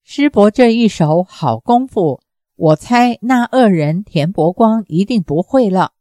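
A woman reading the lines of a young, gentle female nun in an audiobook, speaking softly with a choked-up, pleading manner. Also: medium pitch, animated, unhurried, dry recording, clean studio sound, natural voice. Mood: eager.

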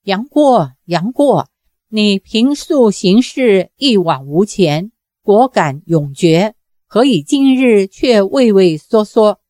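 A woman's voice: mid-range voice, big pitch swings, takes it slowly, dark tone, no room sound, clean studio sound. A woman reading the lines of a tense, suspicious teenage boy with a tight, guarded delivery. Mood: self-reproach.

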